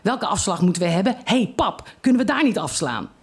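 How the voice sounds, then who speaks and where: A reader voicing an eager young boy who talks quickly and excitedly. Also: medium pitch, creaky, husky, voice pushed up, exaggerated voice.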